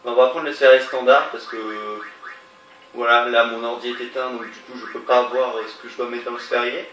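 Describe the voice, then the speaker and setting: A let's-play gamer with a cold-stuffed nose rambles hesitantly over his gameplay, full of fillers and restarts. His mid-range voice is a bit bright with little pitch movement and normal speed, and there's a little hiss or hum. The roomy, distant-mic recording has game music behind him.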